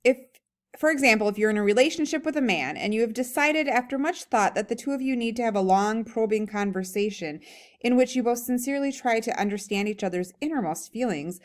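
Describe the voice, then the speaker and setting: A woman teacher reading a humorous story aloud, breaking off for chatty think-aloud comments and laughing while she reads. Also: medium pitch.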